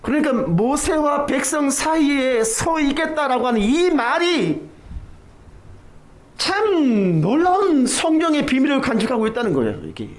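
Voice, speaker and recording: A man's voice: very high voice, a little slow. A middle-aged man from Korea preaching a sermon, telling a childhood story and acting out the voices in it. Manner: animated storytelling, acts out quoted voices. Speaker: pastor.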